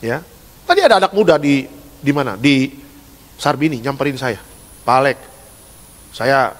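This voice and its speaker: Lively pastor in a reverberant hall. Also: male voice, medium pitch, a little fast. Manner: jokey, swings from hushed asides to loud exhortation. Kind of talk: lively sermon. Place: large church hall.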